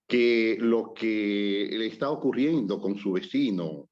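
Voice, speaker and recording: In a casual chat about culture and language, a Dominican man with a lowish voice and a Dominican Spanish accent reflects aloud, frequently stalling with fillers and starting over. The recording is lo-fi and a little dull.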